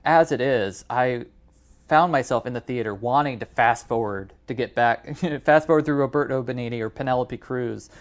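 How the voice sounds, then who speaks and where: This man co-hosts a podcast and shares his opinions on films in a casual discussion. His voice sits at medium pitch and moves at a moderate pace.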